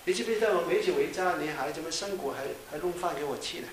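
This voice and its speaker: A middle-aged man preaches as a pastor in a conversational way, his fairly high voice moving at a quick pace. He frequently uses fillers and tag questions to check in with the congregation, recorded in an echoey room with faint hiss.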